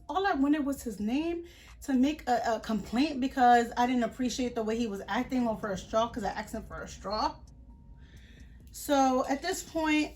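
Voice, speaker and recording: A young adult woman telling a storytime vlog in a chatty, indignant way, full of fillers and retold dialogue. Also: fairly high pitch. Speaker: vlogger.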